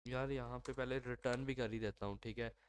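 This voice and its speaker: A man's voice: medium pitch, fairly even intonation, brisk, clear, resonant tone. A man with a sore throat talking through his code in a casual coding walkthrough, thinking aloud with lots of fillers and self-corrections. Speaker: coding tutorial host. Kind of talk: screen-recorded coding walkthrough.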